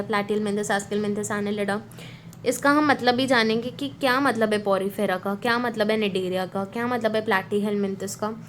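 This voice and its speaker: A woman's voice: fairly high pitch, a bit bright, slight background noise. A woman teaching a class lecture in a mix of Hindi and English, acting out a short story to teach a memory trick.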